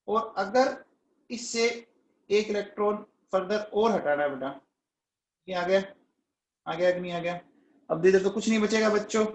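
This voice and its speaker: High-voiced teacher coaxing students. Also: male voice, echoey room, rough recording. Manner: coaxing, keeps checking if students understood; calls on students by name to answer quickly. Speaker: chemistry teacher. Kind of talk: classroom lecture.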